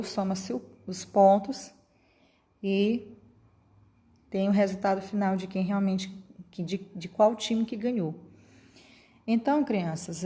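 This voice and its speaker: A woman's voice: medium pitch, dark tone. A woman teacher, giving a lesson to children and checking in often with short questions. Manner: patient, explanatory, checks in with "tá?" and "ok?". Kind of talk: remote class lesson for children.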